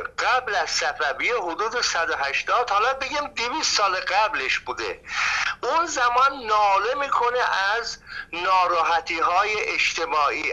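A man's voice: high-pitched, bright, forceful tone. An Iranian man from Saveh in his sixties, phoning in to a radio show and giving a heated, lecturing opinion, calling the host "brother". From Iran (Saveh). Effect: caller's voice over a phone line. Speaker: radio call-in caller. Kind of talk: impassioned call-in opinion.

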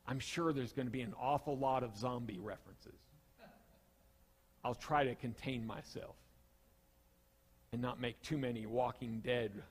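Man, Southern accent, pastor, sermon, slow delivery, emphatic repetition. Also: mid-range voice, husky, in a large hall. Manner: emphatic preaching, repeats key phrases.

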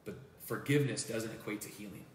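A pastor with a fairly low voice talks quickly and earnestly about his faith in a casual chat, telling stories and acting out what people said by quoting them aloud. He's far from the mic, so the sound is roomy and echoey, with a little hiss or hum.

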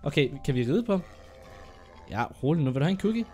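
Young male gaming host, a bit sick with a sore throat, chatty and excitable, narrates every move in a fairly high voice. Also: slightly rough, soft background music. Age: young adult. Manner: excitable, chatty, narrating his own moves. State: sore throat, coughing now and then. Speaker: gaming YouTuber. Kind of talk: gameplay commentary.

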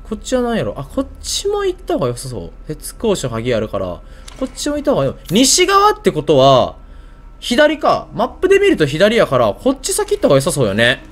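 A man's voice: sits high, huge pitch swings, fairly quick. A man with a Kansai Japanese accent doing casual video game commentary, thinking aloud in short muttered questions.

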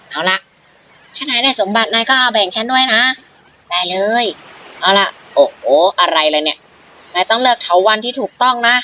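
Man, bright voice, excitable game commentary, playful role-play, makes his own jump sounds. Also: high-pitched, slight background noise, low-quality recording. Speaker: gaming channel host.

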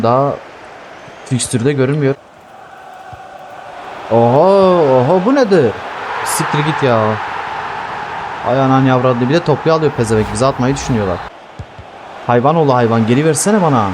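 Excitable man cursing at a football game. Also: medium pitch, noisy background. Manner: excitable, swears a lot, shouts at teammates. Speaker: gaming YouTuber playing football career mode. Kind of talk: live gameplay commentary.

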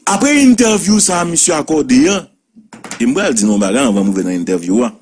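A man's voice: medium pitch, expressive, fairly quick, darkish tone, a little hiss or hum. A man with a Haitian accent hosting a commentary show, talking in a sing-song way and repeating words for effect. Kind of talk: animated Creole commentary.

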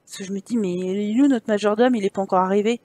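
A woman's voice: medium pitch, fast talker, mellow. A woman giving casual, teasing commentary while playing a life-simulation game. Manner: chatty, teasing, exclaims at the game. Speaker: gaming let's-play host.

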